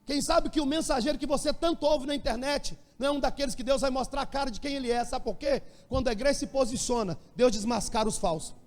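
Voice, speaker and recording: Very high-pitched Brazilian preacher in a reverberant church. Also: male voice, quick pace, few pauses. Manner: animated preaching, humorous storytelling. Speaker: pastor. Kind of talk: sermon. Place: church hall. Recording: long church-hall reverb.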